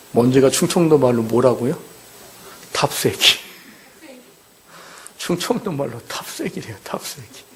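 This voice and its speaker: A male pastor giving a sermon in an earnest, repetitive preaching style with rhetorical questions, sometimes dropping to a soft whisper. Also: medium pitch, vocal fry.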